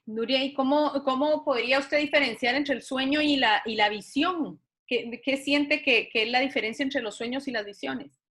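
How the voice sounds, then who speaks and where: High-voiced woman interviewer. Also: normal speed, a bit bright. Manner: attentive, asking follow-up questions. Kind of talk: casual interview.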